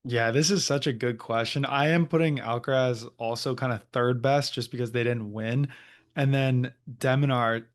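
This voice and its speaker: A man's voice: mid-range voice, steady tone, moderate pace. A man co-hosting a tennis podcast in a loose, casual chat, laughing often. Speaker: podcast co-host.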